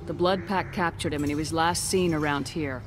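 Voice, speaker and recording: A woman's voice: low-pitched, fairly even intonation, normal speed, background noise, natural voice. A woman playing a tough, businesslike space-soldier commander in a video game, direct in manner. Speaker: military commander.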